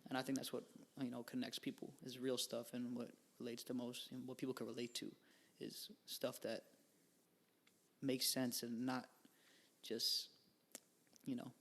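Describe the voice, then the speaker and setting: This young man in his twenties, a musician appearing on a podcast, speaks at normal speed with a mid-range, slightly bright voice and completely flat delivery. His talk is casual and rambling, heavy on fillers and laid-back slang.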